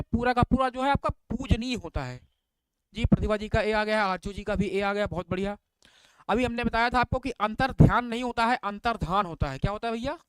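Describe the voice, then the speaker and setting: Brief: male teacher, live online class, high clear voice, repeats questions back to viewers, dry close mic. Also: dry recording. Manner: repetitive questioning, addresses viewers as bhaiya; reads out answer options, praises viewers by name. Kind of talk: live online exam-prep lesson.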